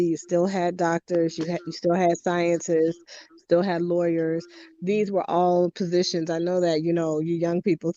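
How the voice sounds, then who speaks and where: A middle-aged therapist whose first language is Finnish explains his views at length as a guest in a panel debate. His voice is high-pitched with a dark tone and no echo, captured on dull, dry lo-fi audio.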